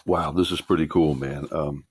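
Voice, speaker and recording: A man's voice: extremely low pitch, steady tone, moderate pace, breathy edge, dry recording, clean studio sound. A man in his sixties from Ohio, leaving a voicemail message as a caller and telling his own story in a rambling, casual way, often restarting mid-sentence. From Ohio, USA. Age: 60s. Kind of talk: casual first-person storytelling.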